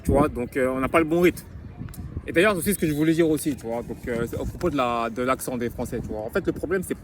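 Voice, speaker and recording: A man's voice: medium pitch, quick pace, low-quality recording. A young man from France casually talking in a vlog, rambling with street slang and lots of restarts, recorded outdoors in wind. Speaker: vlogger sharing English-learning tips.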